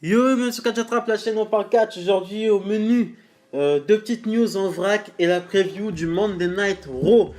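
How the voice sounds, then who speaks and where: A man hosting a casual wrestling news show, speaking bluntly with slang and pausing often with fillers and restarts. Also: high voice, a little mellow. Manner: hesitant, many filler pauses and restarts.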